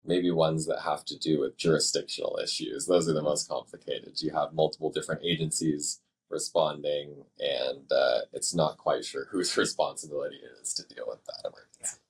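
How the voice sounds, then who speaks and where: Measured and thoughtful, with halting phrasing, a fire dispatcher responds to an interviewer's questions. His voice rumbles low, steady in tone and slightly rough.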